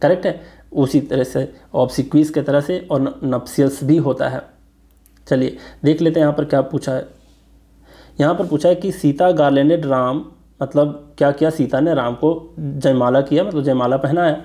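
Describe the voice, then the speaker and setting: Male grammar teacher, mellow voice. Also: on the high side, steady tone. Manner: explains step by step, asks rhetorical checks; reads example sentences slowly. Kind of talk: exam-prep grammar lesson.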